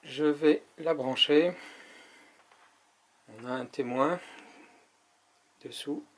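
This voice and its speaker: A man's voice: on the high side, very slow, a little hiss or hum. A man giving a casual hands-on product demonstration as a tech reviewer, explaining step by step with frequent hesitations.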